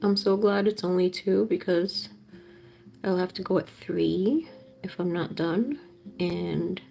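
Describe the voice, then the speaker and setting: A bubbly woman in her thirties chats casually as she paints on a live stream, gushing over colors. Her voice is mellow with a gravelly edge. Soft music plays faintly behind her. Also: mid-range voice. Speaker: art streamer. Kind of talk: casual chat while painting.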